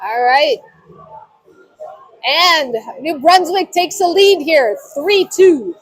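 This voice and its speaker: A woman's voice: high-pitched, lively intonation, slow. A woman doing live hockey play-by-play commentary in short, clipped phrases.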